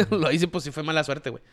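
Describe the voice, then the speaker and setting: A man's voice: fairly high pitch, lively intonation, moderate pace. A man with a northern Mexican border accent telling anecdotes casually among friends, in slangy, heavily profane talk.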